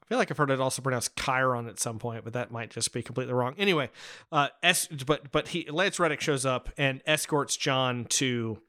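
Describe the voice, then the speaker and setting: A man's voice: mid-range voice, a little fast, bright, forceful tone. A man co-hosting a casual film review chat, eagerly recapping scenes with frequent fillers and restarts. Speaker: podcast co-host discussing a film.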